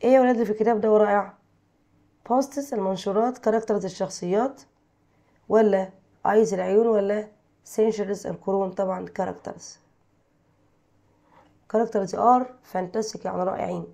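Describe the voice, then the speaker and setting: Woman, Egyptian Arabic accent, English teacher, gravelly tone, reading exercises, translating, asking pupils. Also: medium pitch, fairly even intonation, moderate pace, pauses often, mellow. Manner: reads English then translates, quizzing pupils. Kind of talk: textbook exercise lesson.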